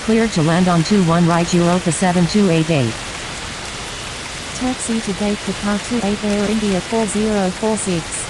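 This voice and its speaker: Loud radio hiss surrounds a woman playing an airline pilot in a flight simulator game. She gives businesslike, clipped read-backs over the radio in a mid-range voice. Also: mid-range voice, steady tone, normal speed. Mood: businesslike, procedural. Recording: loud hissing radio static.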